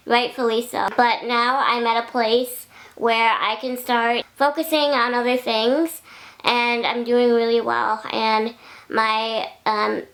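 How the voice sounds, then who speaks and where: A woman's voice: a little high, fairly bright tone. A young adult woman vlogging casually, chatty and rambling, often losing her thread and backtracking. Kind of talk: casual vlog talking to camera.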